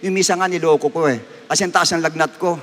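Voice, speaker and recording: A man's voice: fairly even intonation, fast, a bit bright. A man, a pastor, preaching a sermon with emotion, pushing his voice up for emphasis. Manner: emotional, rising to emphatic high pitch. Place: church worship service. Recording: long echo of a church hall.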